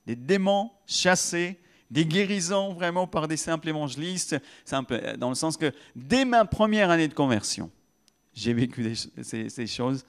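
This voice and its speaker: A man's voice: fairly high pitch, animated, a little slow. A man, preaching a testimony with many restarts that build into fervent peaks. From Pakistan. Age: 30s. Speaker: guest preacher. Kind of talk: sermon testimony.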